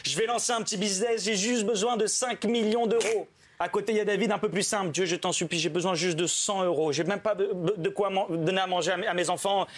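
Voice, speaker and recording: A young male comedian with a notably high voice tells a run of stand-up jokes quickly, with fairly even intonation overall. As he tells each story, he acts out every character's lines himself, shifting his pitch up or down for each one.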